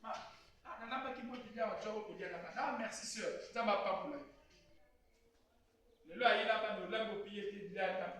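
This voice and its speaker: A man preaching a sermon, swinging between quiet asides and shouted points as the congregation answers. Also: sits high, steady tone, moderate pace, pauses often. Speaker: pastor. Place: church hall. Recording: echoey church hall from far off.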